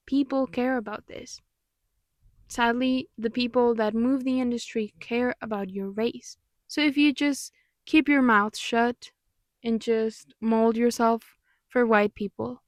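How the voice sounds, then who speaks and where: With a clean studio sound and no room tone, a young Mexican vlogger and pop artist speaks in a slightly high voice and a Mexican accent, her first language being Spanish. Her commentary is reflective, candid and earnest, now and then tinged with exasperation.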